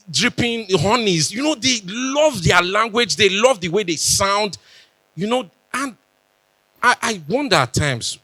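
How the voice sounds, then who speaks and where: A man's voice: mid-range voice, pushed and bright, no room sound. A young Nigerian man with a Benin accent gives a chatty conference talk, joking and dropping into pidgin asides. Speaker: conference speaker. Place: conference stage.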